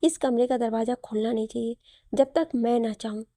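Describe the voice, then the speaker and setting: Menacing male villain from a spoken story, read by a woman narrator, threatening, husky-edged low rasp. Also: fairly even intonation, a little fast, dark tone, dry recording, clean studio sound, natural voice. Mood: angry threat. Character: cruel, menacing adult male kidnapper.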